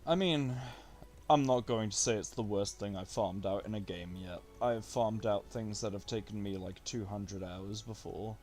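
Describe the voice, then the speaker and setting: A man casually commenting on his gameplay for a stream, talking to his chat, swearing freely and jumping into high yelps when something good or annoying happens. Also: normal speed, a little mellow. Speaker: game streamer.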